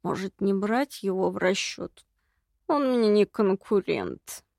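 A creaky, raspy old male villain drawls his threats slowly and quietly, as a woman reader puts him on. He sounds ancient and grumpy, every word dragged out with menace. The recording is dry and close, with no room sound. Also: mid-range voice, dry recording. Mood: grumbling. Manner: slow, grumbling, menacing drawl. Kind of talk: audiobook character reading.

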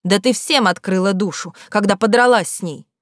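A woman voicing an angry, hot-tempered teenage schoolgirl who shouts nervous accusations. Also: medium pitch, expressive, measured pace, no echo, studio quality, voice pushed up.

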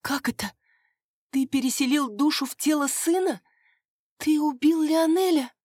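A woman pitches her high voice above her natural range to play a frightened young woman pleading in shock. Her delivery is measured and her tone darkish. The sound is clean studio audio with no echo.

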